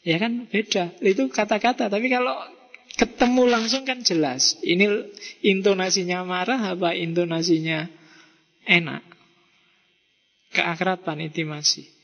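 A man with a Javanese accent giving a lively philosophy lecture to students, mixing in Javanese phrases and acting out quoted messages. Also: high voice, measured pace, long pauses, dull audio. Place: mosque hall. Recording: reverberant hall.

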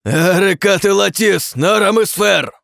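Male narrator doing a gleeful, bloodthirsty mage in an audiobook: mocking, raised and loud. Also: low-pitched, level tone, a little fast, no room sound, studio quality, natural voice. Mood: crazed. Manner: mocking, then wild manic shouting. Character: arrogant, bloodthirsty male mage, mad glee.

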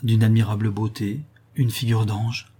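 A man reading an audiobook, voicing a gentle, attentive gentleman who speaks in a polite, measured way. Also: on the low side, little pitch movement, husky. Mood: courteous.

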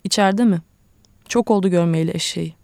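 A woman reader voicing a sick old grandfather who sells flowers, speaking in a weary, reflective, kindly way with a gravelly tone. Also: on the low side, fast talker, darkish tone, no room sound, clean studio sound.

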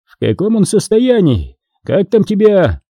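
A cruel, imperious Sith lord barks orders with cold arrogance, voiced by a male audiobook reader. His voice sits a little raised, with a husky grain. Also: high voice, huge pitch swings, a little slow, warm tone, no room sound, voice pushed up, full character voice. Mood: commanding. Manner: imperious, commanding.

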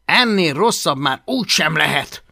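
A frazzled viking boy pleads and then yells in a high, lively voice that swings wildly in pitch, as a male reader acts him out. He sounds strained and nervous, with a gravelly edge. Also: dry recording, studio quality, full character voice. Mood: exasperated. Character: anxious, exasperated young viking boy.

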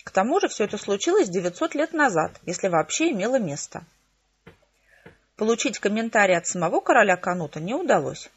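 A woman narrates a first-person audiobook with a brisk, lively delivery. Her voice is slightly husky with a mid-range pitch. The home recording sounds a little dull and lo-fi.

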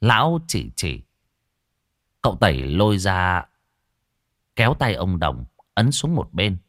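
A man narrating a ghost story in a low, animated voice. His telling is vivid and dramatic, recorded dry and close. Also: slow, no room sound.

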